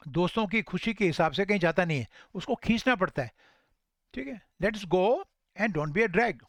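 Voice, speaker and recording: A male English teacher with a fairly high voice, working through sample sentences one by one. He says each English phrase slowly and clearly so learners can copy it. The sound is dry and close, with no room echo. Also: a bit bright. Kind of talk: spoken language lesson.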